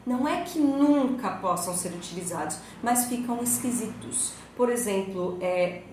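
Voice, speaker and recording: A woman's voice: on the high side, lively intonation, a little slow, a little mellow. A woman English teacher with a Brazilian Portuguese accent, giving a recorded school lesson that explains grammar step by step and asks rhetorical questions. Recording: very echoey room, faint noise.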